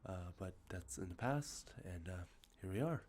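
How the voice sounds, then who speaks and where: Outdoors near passing traffic, a man with a stuffy, sniffly nose shows off his collected video games as an ASMR host. He talks softly at a normal speed in a low, husky, animated voice, rambling with lots of ums and uhs and correcting himself as he goes.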